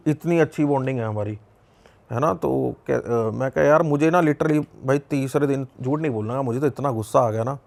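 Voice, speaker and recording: A young man with a Punjabi accent tells a story as a guest on a talk show. His voice has a gravelly, creaky edge and sits at an ordinary pitch. He talks loosely, acting out the dialogue and circling back over his words. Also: a little fast, a little mellow. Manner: conversational, retells dialogue with many repetitions and fillers. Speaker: podcast guest. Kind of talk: casual storytelling.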